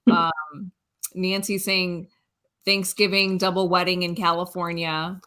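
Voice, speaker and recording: A woman's voice: on the low side, level tone, slow pace, fairly bright tone. A woman co-hosting a live stream, cheerfully reading out viewer messages and laughing along. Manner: cheerful, laughs often, relays chat messages. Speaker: co-host reading the live chat. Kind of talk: casual live-stream chat.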